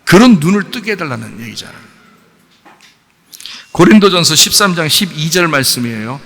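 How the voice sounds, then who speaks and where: A man's voice: fairly high pitch, big pitch swings, normal speed, a bit bright, in a large hall. A male pastor preaching a sermon, giving an emotional testimony and putting rhetorical questions to the congregation. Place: church sanctuary.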